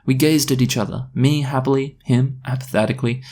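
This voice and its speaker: A man's voice: mid-range voice, a little fast, mellow. Man wryly reading a silly story aloud. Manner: wry, self-aware asides. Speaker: YouTube story reader. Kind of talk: comedic reading of a fan story.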